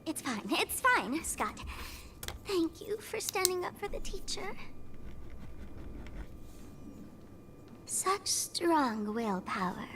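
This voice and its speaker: A woman's voice: sits high, very animated, takes it slowly, noisy background, heavily acted. A woman voicing a smug, playful young streamer who schemes as a school dean, teasing and theatrical in a game. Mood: mock sweet. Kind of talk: theatrical scripted game voice acting. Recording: voice over loud game music.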